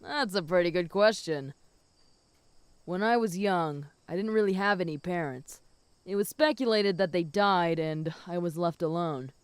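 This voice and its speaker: Flirty, smooth-voiced female werewolf, acted by a woman. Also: on the low side, measured pace, no room sound, close to an everyday voice. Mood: relaxed, reflective. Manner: flirty, teasing, with soft chuckles. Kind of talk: intimate audio role-play to the listener.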